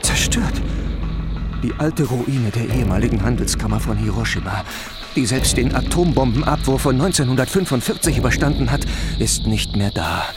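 An actor playing a dramatic live radio reporter in a German radio play, urgent and excitable, over loud music. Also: male voice, sits high, moderate pace. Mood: stunned, grave.

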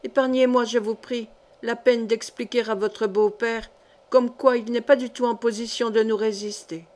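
A woman voicing a cold, phlegmatic male schemer in a storybook reading, calm and composed. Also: a little high, moderate pace, natural voice.

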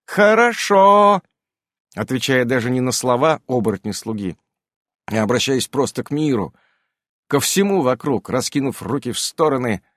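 A man narrating a fantasy audiobook in a lively, dramatic storytelling manner. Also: medium pitch, dry recording, clean studio sound. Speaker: audiobook reader.

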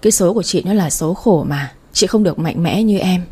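A woman voicing a meek, downtrodden sister-in-law and mother who speaks in a soft, resigned way. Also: fairly low pitch, a little fast, breathy edge.

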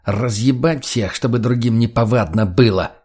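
Man doing a snarling, low foul-mouthed mage. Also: moderate pace, a little mellow, husky, natural voice. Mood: menacing. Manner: snarling, hissing threats, swearing. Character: menacing, foul-mouthed male mage, crime boss temper.

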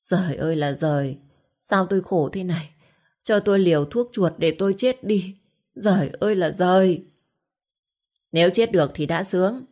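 A woman's voice: on the low side, normal speed, long pauses, close to an everyday voice. Give me a woman acting out a bitter, wailing sick old man in an audio story. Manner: moaning, then shouting curses.

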